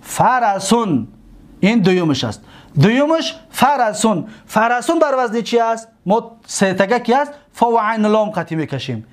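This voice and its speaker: Lively high-pitched Tajik teacher drilling words. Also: male voice. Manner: drawn-out slow repetitions of words, questions to students. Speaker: religious school teacher. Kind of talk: grammar lesson.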